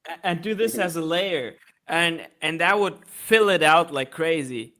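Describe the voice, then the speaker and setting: A man's voice: on the high side, expressive, measured pace, pushed and bright. A man on an online call giving easygoing, practical feedback on a song, often restarting his sentences. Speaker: music reviewer. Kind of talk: casual review chat on a live stream.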